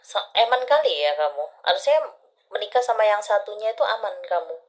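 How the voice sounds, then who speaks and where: A woman reading a caller's palm on a live stream, intimate and affectionate, often dropping to a whisper and then breaking into loud laughter. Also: mid-range voice, very animated, a little fast, poor audio. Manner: intimate, calls listener "sayang", swings between soft whispers and loud laughter. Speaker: palm reader.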